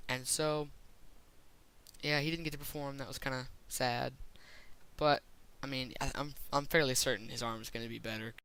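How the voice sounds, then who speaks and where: A young man telling a rambling, excitable story in a casual vlog, full of fillers. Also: mid-range voice, gravelly, clean tone, poor audio. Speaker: vlogger.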